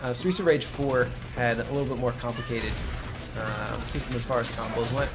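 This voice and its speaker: A gaming video host gives casual, explanatory commentary on a co-op game, feeling his way through his sentences. His medium-pitched voice is fairly even in intonation and a little fast. Game music plays behind him.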